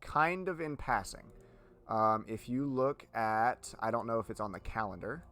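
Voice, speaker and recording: A man acting as game master, explaining fantasy lore informally in a measured, matter-of-fact way. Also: medium pitch, fairly bright tone. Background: music.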